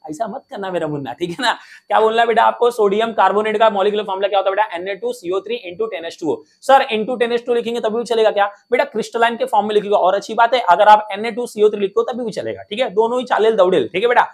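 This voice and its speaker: A man teaching a lesson in a playful, energetic way, quizzing students with call-and-response questions and cracking jokes. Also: high voice, quick pace. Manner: jokey, drops rhymes and mnemonics.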